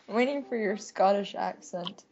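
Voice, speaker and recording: A woman's voice: medium pitch, darkish tone. A young woman co-hosting a podcast over an online call, playful and laughing often. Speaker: podcast co-host. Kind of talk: casual chat. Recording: dull lo-fi call audio.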